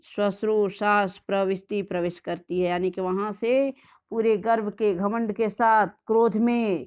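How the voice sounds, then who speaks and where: Clear-voiced woman explaining a Sanskrit lesson. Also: medium pitch, a little mellow. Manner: reads a Sanskrit line, then explains it word by word. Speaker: Sanskrit teacher. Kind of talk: line-by-line textbook explanation.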